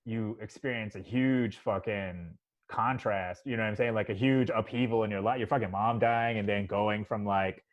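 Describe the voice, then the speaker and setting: A man's voice: lowish voice, fairly even intonation, normal speed. A man hosting a podcast, chatting in a rambling, profane way with lots of "you know". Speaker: podcast host. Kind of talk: casual podcast chat. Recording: slightly dull sound.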